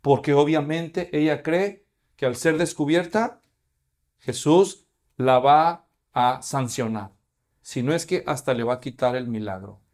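Pastor preaching conversationally. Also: male voice, on the high side, a little mellow. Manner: conversational preaching with questions to the congregation. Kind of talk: sermon.

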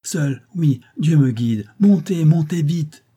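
A man's voice: fairly high pitch, animated, takes it slowly, dark tone, slightly rough, pitched above the performer's own voice, heavily acted. A man putting on a desperate young woman crying out in a flood. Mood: urgent. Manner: urgent, crying out.

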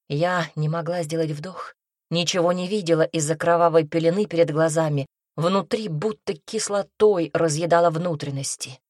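Low-voiced woman narrating an audiobook. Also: a little mellow, no echo, clean studio sound. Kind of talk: first-person audiobook narration.

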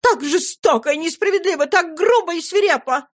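A proud young woman wails her hurt through sobs, as a woman reader puts her on. The voice sits far above the reader's own, loud and swooping. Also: animated, moderate pace. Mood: tearful outrage. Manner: high, loud, wailing complaint. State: sobbing. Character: proud young woman, tearful and self-pitying.

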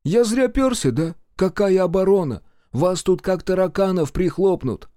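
A man voicing a sly, fussy, short army quartermaster who talks in an excitable, wheedling way. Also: high-pitched, normal speed, dry recording, studio quality, voice pushed up.

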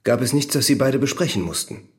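In a German radio drama, an actor plays a persistent, methodical examining magistrate who questions in a formal, probing way. His medium-pitched male voice is expressive, fairly quick and close to natural speech, with an insistent mood.

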